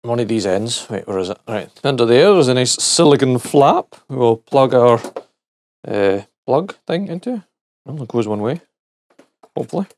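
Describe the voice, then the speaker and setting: Chatty and jokey, a middle-aged gadget reviewer talks himself through testing and dismantling a device in a casual teardown. His mid-range voice is animated and a little mellow at a normal pace, with slight background noise in the recording.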